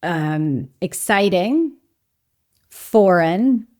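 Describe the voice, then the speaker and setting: A woman's voice: on the low side, animated, very slow, darkish tone, no room sound, clean studio sound. A woman guest on an interview podcast, an executive chatting in an easygoing, good-humored way. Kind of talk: casual interview chat.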